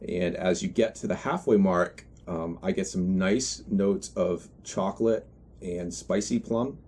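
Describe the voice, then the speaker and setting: Low-voiced man giving a halting review. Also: darkish tone, a little hiss or hum. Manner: halting, reflective, with trailing self-corrections. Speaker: pipe tobacco reviewer. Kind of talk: unscripted review monologue.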